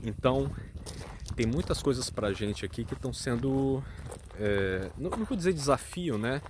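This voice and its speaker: With background noise behind him, a Brazilian Portuguese-accented dad who vlogs explains things casually at a normal speed. His medium-pitched voice has lively intonation, and he speaks earnestly and thoughtfully, searching for words.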